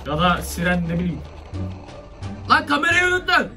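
A man hosting a reaction video, commentating excitedly with slangy exclamations. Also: high voice, normal speed. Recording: distant mic with faint music.

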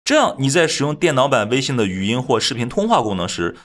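A man narrating a scripted software tutorial as its host, explaining things step by step. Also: medium pitch, big pitch swings, fast.

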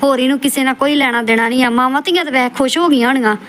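Scornful fast-talking woman roaster. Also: high-pitched, fairly bright tone. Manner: scornful, insulting, lecturing. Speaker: roast channel host. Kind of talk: scolding roast commentary over clips.

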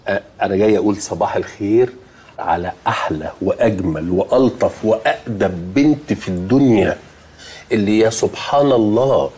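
Middle-aged Egyptian comedy dad, husky, doting, wheedling and evasive. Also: male voice, fairly low pitch, darkish tone. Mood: coaxing. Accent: Egyptian Arabic. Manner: coaxing, evasive, stalling. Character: sheepish, wheedling doting father afraid of his daughter. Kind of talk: TV comedy acting.

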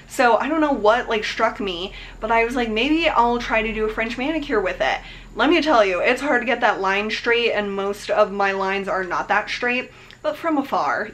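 A woman's voice: a little high, fairly bright tone. A woman in her twenties, a beauty vlogger chatting casually to camera in her bedroom, bubbly and full of fillers and little laughs. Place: bedroom indoors, later outdoors on a porch.

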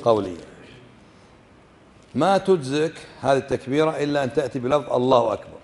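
A man's voice: mid-range voice, fast, a little mellow, long reverb tail. A man with a Kuwaiti Arabic accent teaching a religious lesson, often questioning the class and demonstrating how words are pronounced. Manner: asks the class frequent questions and demonstrates pronunciations. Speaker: sheikh teaching fiqh. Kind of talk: religious lesson explaining a book.

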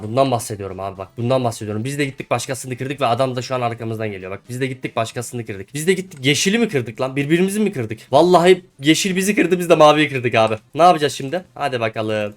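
A young man giving live commentary on a video game, excitable and quick to shout and laugh at his teammates. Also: mid-range voice. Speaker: gaming YouTuber.

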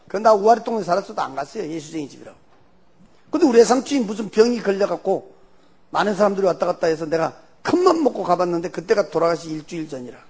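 An older man with a Jeolla Korean accent tells his testimony as a church elder, high-pitched and swooping all over. His voice is gravelly and husky, and he tells the story in a folksy way. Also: quick pace. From Jeolla region, Korea. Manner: animated storyteller, loose and folksy.

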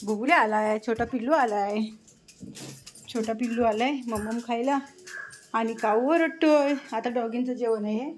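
A high-voiced woman chats to her pets and the crows in coaxing, sing-song baby talk. She talks slowly. A faint hiss of noise sits behind her voice. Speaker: vlogger feeding animals.

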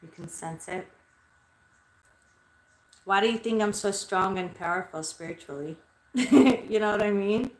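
In a small bedroom lit red, a woman in her thirties, a livestreaming spiritual medium, rambles and swears freely in loose chat with viewers. She talks at a measured pace with a medium pitch, pausing often. Her desk-distance webcam picks up an echoey room in a low-quality recording.

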